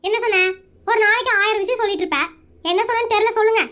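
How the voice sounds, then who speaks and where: A woman's voice: very high-pitched, fairly even intonation, rapid-fire, a bit bright. A woman voicing a strict, bossy village mother and wife in a cartoon comedy, scolding in a rural Tamil Nadu accent. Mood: stern.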